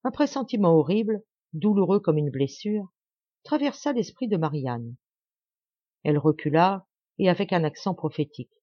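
A woman reading a literary audiobook with steady, expressive narration. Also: on the low side, moderate pace, dry recording. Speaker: audiobook reader. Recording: dull dry lo-fi audio.

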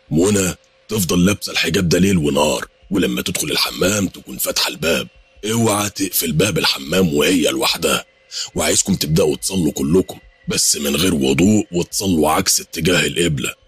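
A man's voice: low-pitched, husky, no echo. A man voicing a stern, sinister middle-aged sheikh giving orders, in an Egyptian accent.

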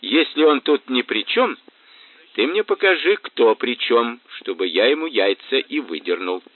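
A man's voice: medium pitch, very animated, measured pace, dry recording, voice pushed up. A man voicing a drunk, rowdy thug who blusters coarse threats; tinny, dry recording. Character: drunk, rowdy middle-aged male thug. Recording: tinny phone-like band, dry.

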